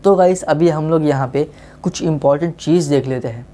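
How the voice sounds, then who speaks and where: A man's voice: a little high, brisk, mellow. A male teacher gives a casual online maths lesson, coaxing his students and often checking that they have understood.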